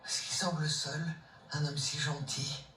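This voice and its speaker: A man's voice: a little high, little pitch movement, unhurried, pushed and bright, roomy sound, far from the mic, slight background noise. An actor playing a jealous man who questions a woman with insinuating remarks, in a TV film. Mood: needling. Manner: insinuating, needling.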